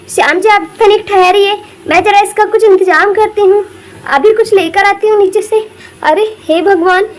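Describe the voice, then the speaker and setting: A woman voicing a brave, fussing young housewife who talks herself through every step in running commentary, in a homemade doll drama. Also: extremely high pitch.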